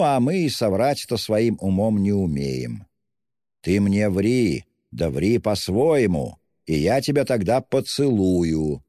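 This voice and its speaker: A man voicing a drunk, excitable young man who shouts and gushes, fiercely self-abasing in a storybook reading. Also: fairly low pitch, dry recording, clean studio sound, big-room sound. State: tipsy.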